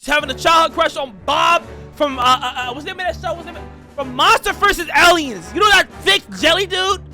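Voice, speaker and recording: A man giving casual reaction commentary, teasing and rambling, now and then breaking into shouts. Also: very high-pitched, quick pace, music in the background. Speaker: reaction streamer.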